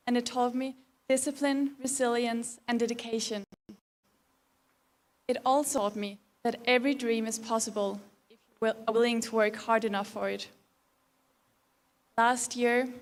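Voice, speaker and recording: Composed Danish woman giving a formal speech. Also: on the high side. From Denmark. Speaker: pageant contestant. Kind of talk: prepared speech.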